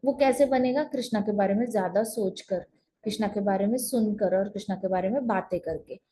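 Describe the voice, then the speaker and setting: A woman's voice: mid-range voice, brisk, dark tone. A woman teaching at home over an online call, telling a scripture story in a chatty way and repeating phrases for emphasis.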